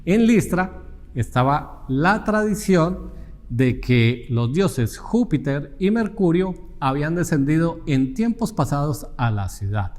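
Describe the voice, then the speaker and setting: A man's voice: on the high side, a little mellow. Man preaching in a reverberant hall. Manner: earnest teaching tone, rhetorical questions to the congregation. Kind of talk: sermon.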